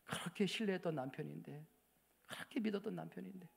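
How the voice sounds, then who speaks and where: A man, a pastor, preaching a sermon with emotional storytelling that swings from hushed to loud emphatic outbursts, asking the congregation rhetorical questions. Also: high voice, fast, creaky, breathy edge. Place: church sanctuary. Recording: long church hall reverb.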